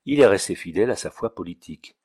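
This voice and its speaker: A man narrating an audiobook story in a measured, even reading style. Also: low-pitched, husky, no echo, studio quality. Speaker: audiobook reader. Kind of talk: scripted narration.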